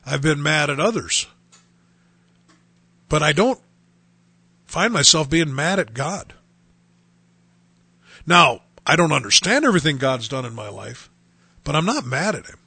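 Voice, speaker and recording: Earnest gravelly preaching man. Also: on the high side, big pitch swings, measured pace, long pauses, sharp tone, dry recording. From United States. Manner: earnest, emphatic, repeats and restarts phrases. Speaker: pastor and radio show host. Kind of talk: preaching on a radio talk show.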